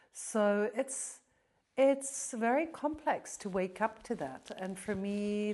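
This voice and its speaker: A middle-aged woman from South Africa talks slowly and reflectively as an interview guest, with a fairly low voice. Now and then her words fall away to a near-whisper. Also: a little mellow. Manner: slow, thoughtful, drops to near-whisper at times.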